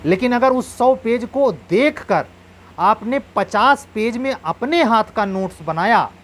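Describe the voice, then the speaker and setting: A man's voice: sits high, expressive, a little slow, fairly bright tone. Man giving earnest exam advice. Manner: earnest, advising, uses proverbs. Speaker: exam coach.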